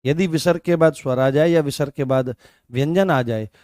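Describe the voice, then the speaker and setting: A man's voice: a little high, moderate pace, a little mellow, no room sound, clean studio sound. Hindi teacher quizzing his class. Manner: repeats key points and quizzes students with questions. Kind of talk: online live class.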